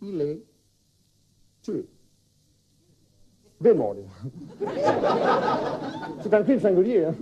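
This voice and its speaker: A man's voice: high-pitched, wildly swooping pitch, extremely slow, long pauses, over a noisy crowd, heavy background noise, full character voice. A man playing a flustered foreign language teacher in a stand-up comedy sketch, stammering through puns with a put-on accent. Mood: rambling. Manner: stammering wordplay, restarts. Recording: 1979 television broadcast.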